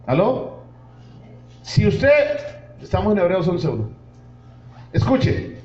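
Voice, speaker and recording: His high voice is very animated yet slow and a little mellow as this male pastor delivers a passionate sermon straight to the congregation. It was recorded in a church hall, with a roomy, dull sound.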